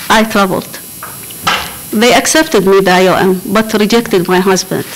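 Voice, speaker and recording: Slow-spoken woman. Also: medium pitch, rough recording. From Iraq. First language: Arabic. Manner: slow, careful, repeats words while searching for English. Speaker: refugee panelist. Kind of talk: personal testimony at a panel. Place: large conference hall. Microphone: table microphone.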